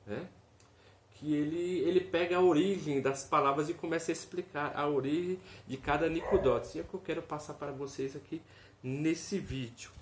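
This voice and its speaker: A man's voice: on the high side, steady tone, normal speed. A man giving a casual video lesson, explaining step by step, often checking in with "ok?" and sounding out each vowel aloud. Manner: explanatory, tag questions, demonstrates sounds aloud. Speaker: teacher. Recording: echoey room, faint noise.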